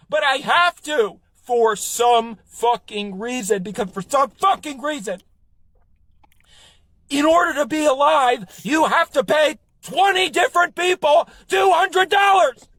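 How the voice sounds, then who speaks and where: A high-voiced man tears through an exasperated stand-up rant, swearing freely and building to shouts. The delivery is performed comedy, pitched well above the usual male range. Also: no echo. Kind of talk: ranting stand-up monologue.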